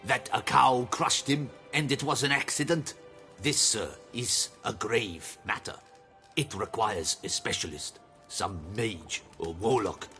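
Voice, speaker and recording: Brief: a man playing a stern game laborer, bright voice, solemn and accusing. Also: fairly low pitch, unhurried, soft background music. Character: grave, reproachful male quarry worker. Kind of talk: fan dub of a video game.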